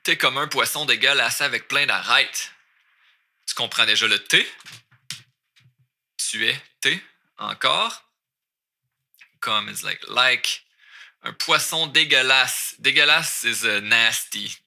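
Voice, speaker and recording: A man's voice: medium pitch, vocal fry, sharp tone. A man with a Québécois accent teaching French, explaining lyrics line by line and switching between French and English. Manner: mixes French and English, repeats words slowly.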